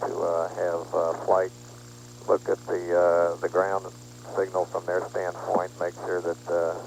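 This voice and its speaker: A man with a deep, gravelly voice gives instructions as launch director. He speaks in a halting, deliberate monotone over a faintly humming intercom. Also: a little hiss or hum, rough recording. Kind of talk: unscripted instructions on radio loop.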